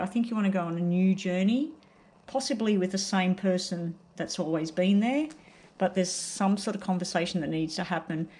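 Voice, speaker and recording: A woman giving a casual, unhurried tarot card reading while suffering from a very sore throat. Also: lowish voice, a little mellow. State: very sore throat, may choke up.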